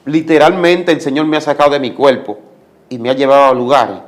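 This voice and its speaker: A man's voice: medium pitch, fairly even intonation, fairly quick. A man giving a religious testimony as a guest, speaking like a preacher and repeating commands for emphasis.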